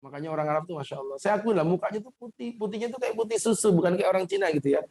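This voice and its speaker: Man preaching, husky voice. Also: sits high, animated, very fast, darkish tone. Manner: humorous, addresses listeners as "Pak", quotes Arabic hadith. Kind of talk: Ramadan mosque sermon. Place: mosque.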